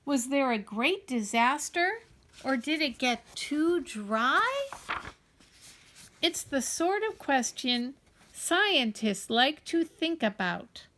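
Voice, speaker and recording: With an expressive, emphatic and deliberate storytelling style, a woman reads a children's picture book aloud in a voice that sits high.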